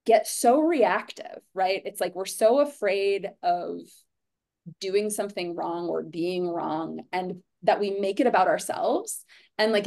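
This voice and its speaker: A woman's voice: medium pitch, darkish tone. A woman talking as a podcast guest in an earnest, reflective way, often adding "like" and "right?". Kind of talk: conversational podcast chat.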